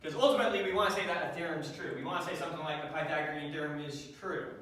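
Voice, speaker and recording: A man's voice: a little high, steady tone, rapid-fire, a bit bright, a little hiss or hum. A man teaching a math class, lecturing and quizzing students with a dry, joking manner, recorded from the back of a classroom. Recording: echoey classroom taped from far off.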